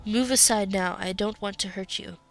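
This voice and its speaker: A woman's voice: medium pitch, normal speed, creaky, soft background music, close to an everyday voice. A woman reading a fierce protective elf brother. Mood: threatening.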